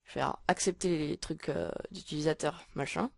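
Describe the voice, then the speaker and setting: A woman talking through a casual software tutorial, hesitant and full of filler sounds. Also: low-pitched, normal speed, creaky, dry recording. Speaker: tutorial maker. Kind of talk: casual screen-recording tutorial.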